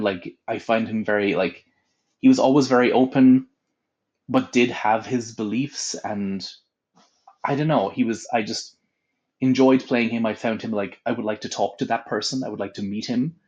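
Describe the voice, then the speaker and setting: A young adult man who works as an audiobook voice actor chats casually in an interview. His voice is mid-range with a darkish tone, and he rambles, using lots of filler words, especially "like."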